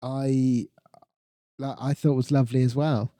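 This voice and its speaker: A man co-hosting a podcast, talking about a film in a relaxed, halting way. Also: mid-range voice, no room sound. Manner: relaxed, halting, swears casually. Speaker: podcast co-host. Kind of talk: casual film review chat.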